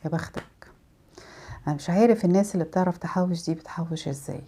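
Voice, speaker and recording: A woman's voice: on the low side, quick pace, breathy edge, pitched below the performer's own voice. A woman with an Egyptian accent acting out an envious man who mutters and whines about what others have. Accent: Egyptian Arabic. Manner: muttering, quiet, whiny sighs. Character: envious, sulking middle-aged man.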